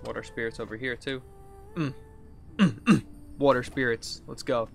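A man in his thirties, a gaming video host, gives casual, rambling let's play commentary from a computer desk indoors, thinking aloud as he plays. His voice is medium-pitched with vocal fry, at a moderate pace, with faint music behind him.

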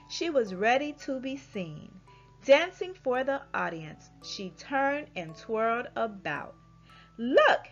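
The audio is dull and slightly muffled, with gentle music in the background, as a woman reads a rhyming picture book to children. Her voice sits a little high, and she tells the story at an unhurried pace with expressive, lively shifts in pitch.

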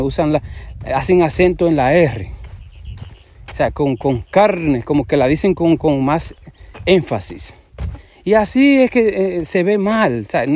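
A man's voice: on the high side, background noise. Dominican man giving rambling religious commentary. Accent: Dominican, Cibao region. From Dominican Republic. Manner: rambling, jumps between points, frequent restarts. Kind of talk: unscripted religious commentary to camera.

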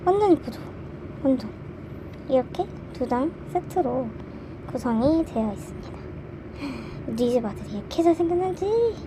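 A young woman vlogging an unboxing, excitable and quick to gasp and squeal with delight. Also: sits high, background noise. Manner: excitable, gasping and squealing over merch. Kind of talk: casual unboxing vlog.

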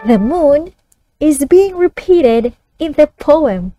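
Very slow, high-voiced woman teaching. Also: animated, warm tone. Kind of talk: scripted lesson narration and poem reading for young children. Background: music.

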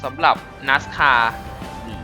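Excitable man commentating a racing game. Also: medium pitch, extremely slow. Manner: excitable, bursts into loud exclamations; explains things chattily with polite endings. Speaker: gameplay commentator. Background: racing game music.

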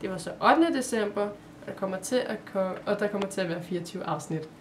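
A woman's voice: mid-range voice, animated, recorded from a distance, slight background noise. A woman, the author, reading her own story aloud in a plain voice, with small slips and self-corrections.

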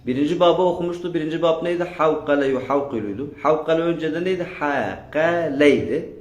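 A man's voice: on the high side, quick pace. Male teacher, quizzing students, repeats answers, echoey room. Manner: drills students with repeated questions. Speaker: Arabic grammar teacher. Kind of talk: classroom lesson with question and answer.

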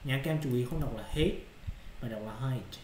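A man's voice: mid-range voice, quick pace, a little mellow, reverberant, a little hiss or hum. A male English teacher explaining exercise answers in Vietnamese, often checking whether students follow. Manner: repeats checking questions to students.

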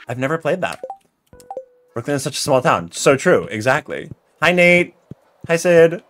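A young American man live streams while gaming from a small room at home, chatting in an animated way, telling stories and reading chat aloud. His voice is on the high side at a moderate pace, with faint game music in the background.

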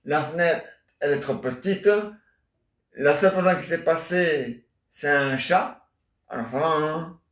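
Slow rambling man in an echoey room. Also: fairly high pitch, a bit bright. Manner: chatty, answers imagined listeners, constant "hein?" and "ah ouais". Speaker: amateur solo stage performer. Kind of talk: rambling improvised comic monologue.

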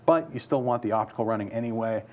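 A man in his thirties co-hosting a tech show, chatting casually with quick, upbeat explanations and laughing asides. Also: medium pitch, darkish tone, slight background noise. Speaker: co-host.

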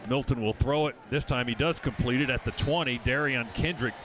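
A man's voice: medium pitch, fairly quick. A man calling American football as a radio play-by-play announcer, in clipped, vivid running phrases. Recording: stadium radio broadcast, clear background noise.

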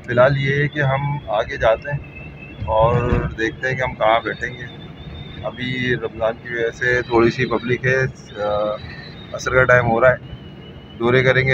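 A man in his thirties with a Karachi Urdu accent talks in an easy, chatty vlog style, explaining each thing as he goes. He is recorded outdoors on a handheld camera, and street and sea noise come through clearly. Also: medium pitch, highs cut off. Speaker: vlogger. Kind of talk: casual vlog narration.

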